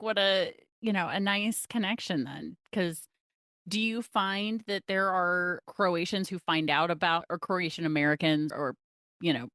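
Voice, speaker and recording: A woman's voice: on the low side, a bit bright, no echo, clean studio sound. A woman hosting an interview, enthusiastic and asking long, rambling questions. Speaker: podcast host. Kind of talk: interview conversation.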